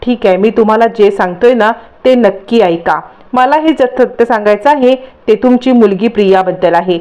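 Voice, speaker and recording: A woman's voice: mid-range voice, moderate pace, warm tone, natural voice. A woman voicing a greedy young blackmailer who talks in a taunting, insistent way in a storytelling recap.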